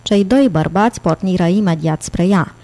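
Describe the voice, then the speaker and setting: A woman reads an audiobook aloud with a steady, measured delivery. Her voice sits fairly low. Its tone is mellow and warm rather than bright. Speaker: audiobook narrator. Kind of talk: audiobook narration.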